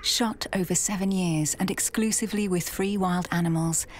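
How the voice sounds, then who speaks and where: A woman narrates a nature documentary from a script in a measured storytelling delivery. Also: fairly low pitch, steady tone, a little hiss or hum.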